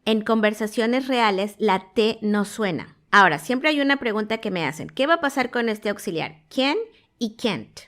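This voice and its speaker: Woman, online English teacher; clear, didactic delivery, mid pitch. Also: expressive, normal speed, few pauses, a bit bright. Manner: clear, didactic, reads English example sentences aloud. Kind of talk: scripted online lesson.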